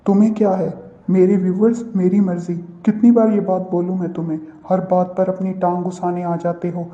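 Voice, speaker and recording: A man doing a bossy cartoon girl who scolds and repeats herself in a high, level voice with a dark, mellow tone. The recording is roomy and a little dull, like a lo-fi home cartoon dub. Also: lightly acted. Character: bossy, quarrelsome young woman storyteller. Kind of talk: cartoon voice acting.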